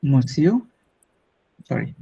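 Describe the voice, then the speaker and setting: A man teaches French online. He talks slowly, repeats each word and slips English into his explanations. His voice is dark and a little husky. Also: mid-range voice, highs cut off. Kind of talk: online language lesson.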